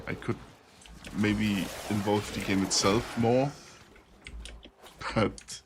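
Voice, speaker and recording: A young man streaming a game, rambling casually with lots of pauses and fillers. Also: lowish voice, creaky, noisy background. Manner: rambling, soft-spoken, with many pauses and fillers. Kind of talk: casual streaming chat while gaming.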